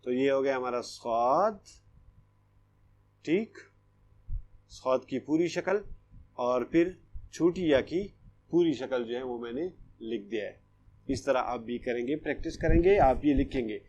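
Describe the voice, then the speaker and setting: A man teaching a primary school Urdu writing lesson in an online class, slow and patient, repeating each step and checking that the children follow. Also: mid-range voice, lively intonation, darkish tone. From Pakistan.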